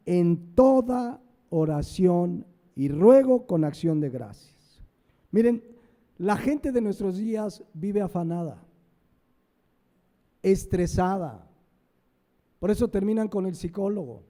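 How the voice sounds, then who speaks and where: A pastor preaching in a high, mellow voice. He fires questions at his listeners and answers them himself, leaning hard on single words. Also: lively intonation, slow pace, long pauses. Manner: emphatic, stresses words one by one. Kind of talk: sermon.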